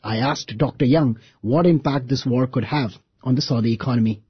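A man with a husky voice presenting a scripted radio documentary. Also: mid-range voice, moderate pace, no echo, muffled recording.

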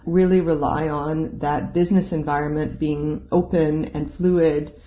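An expert answers interview questions with analysis, thinking aloud and pausing to find the words. The voice sits at a middling pitch. The audio is a little muffled. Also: level tone, slight background noise.

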